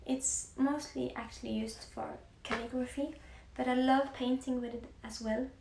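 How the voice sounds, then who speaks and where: A young Norwegian woman with a Norwegian accent, chatting softly on a livestream while she paints, often slipping into near-whispers. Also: high-pitched, fairly even intonation, moderate pace, creaky. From Norway. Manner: soft-spoken, often drifting into near-whispers. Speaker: musician live-streaming to fans. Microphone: phone. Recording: echoey room with faint background hiss.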